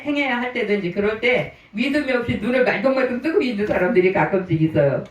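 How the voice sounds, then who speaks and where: A male pastor delivering a sermon in a reverberant church sanctuary, heard from a distance. He retells the story and keeps turning to the congregation with rhetorical questions. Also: sits high. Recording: roomy church, mic at a distance.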